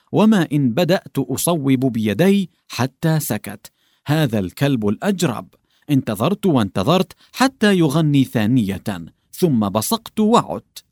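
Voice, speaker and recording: A man voicing a carefree, cocky young village man who teases and laughs loudly. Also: mid-range voice, dry recording, clean studio sound, pitched above the performer's own voice. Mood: cheerful. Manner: boisterous, teasing, laughing.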